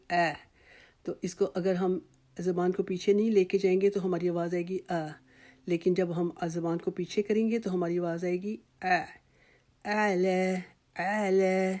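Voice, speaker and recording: A woman with a lowish, mellow voice gives a calm recitation lesson. She draws out each example word slowly before explaining it. Her tone stays patient and reassuring throughout. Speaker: Quran recitation teacher. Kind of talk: slow instructional tajweed lesson.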